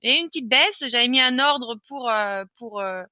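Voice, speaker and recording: A woman with a high, bright voice runs a live online webinar, chatting loosely and often stopping to restart her sentences. Her voice comes through a computer microphone, close and dry with no room sound. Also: animated, moderate pace, no room sound. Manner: chatty, hesitant with many fillers and restarts. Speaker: webinar presenter. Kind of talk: live webinar Q&A, casual explaining.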